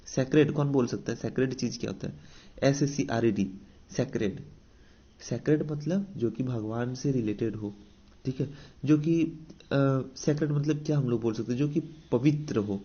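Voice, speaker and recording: A man's voice: mid-range voice, warm tone, highs cut off. A man with an Indian accent teaching English vocabulary for exam coaching, explaining each word with repetition, rhetorical questions and English definitions woven into Hindi speech.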